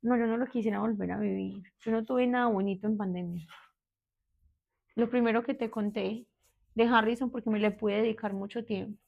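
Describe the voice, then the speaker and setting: A woman's voice: on the high side, steady tone, normal speed, creaky, dull audio. A woman in her thirties with a Medellín Colombian accent, a therapist telling her own story in an interview, candid and hesitant, often restarting. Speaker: guest, therapist.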